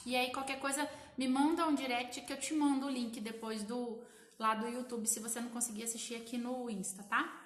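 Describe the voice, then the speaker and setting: Brazilian woman, 30s, high-pitched sleep consultant talking live and explaining in lists; echoey room. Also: fairly even intonation, fairly quick. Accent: Brazilian Portuguese. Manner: explanatory, repeats lists and asks "tá?" often. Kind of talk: live social media talk to viewers.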